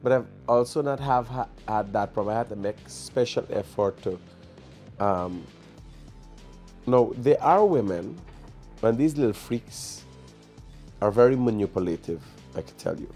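A man's voice: mid-range voice, expressive, a little slow, long pauses, mellow, faint music behind. A middle-aged man with a Guyanese accent, bluntly hosting a casual podcast chat. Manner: blunt, profane, opinionated. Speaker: podcast host. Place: small studio lounge, on a leather couch. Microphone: boom mic on a stand.

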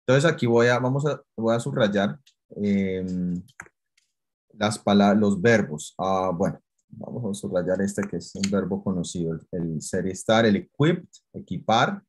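Man, low voice, native Spanish speaker, patient online English teacher, lots of fillers. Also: a little slow, slight background noise. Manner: patient, explains step by step with many fillers. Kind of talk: online class explaining English grammar.

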